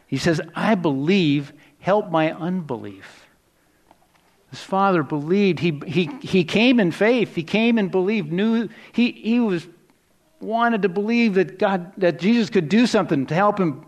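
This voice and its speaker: A man preaching a sermon in a conversational, reflective way, dropping softer for quoted words. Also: sits high, measured pace.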